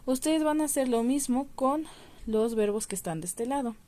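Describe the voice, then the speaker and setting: Patient teacher with a mellow voice. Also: female voice, high-pitched, normal speed. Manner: patient, explains step by step and stresses syllables. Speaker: primary school teacher. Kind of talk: recorded remote lesson.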